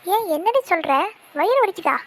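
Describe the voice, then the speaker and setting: Woman as scolding cartoon mother, high voice, fretful nagging. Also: expressive, moderate pace, a little hiss or hum. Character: fussy scolding cartoon mother, quick-tempered.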